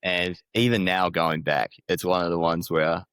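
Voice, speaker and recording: A young man with a New Zealand accent and a low, deep voice, chatting as a podcast guest. He tells stories in a laid-back way, swears freely and laughs often. The sound is dry and close, with no room echo. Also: steady tone, normal speed, a bit bright, clean tone. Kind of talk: casual chat.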